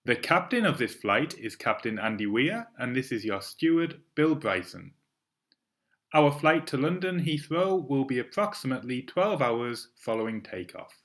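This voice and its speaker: A man giving a scripted flight attendant cabin announcement in a formal, measured way for language practice. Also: medium pitch, sing-song, fairly bright tone. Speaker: English lesson narrator reading a flight attendant announcement.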